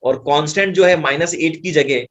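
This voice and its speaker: A man's voice: on the high side, normal speed, a bit bright. A man with an Indian accent working through maths problems as a tutor, thinking aloud as he writes and breezily reassuring the student.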